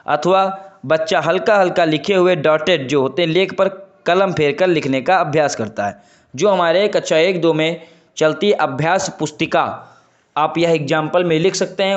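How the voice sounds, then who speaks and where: A man's voice: on the high side, lo-fi sound. A man teaching an online exam prep lesson, stressing key terms by repeating them and promising the viewers they will not go wrong. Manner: emphatic, repeats key terms and list items; addresses viewers as friends, makes promises.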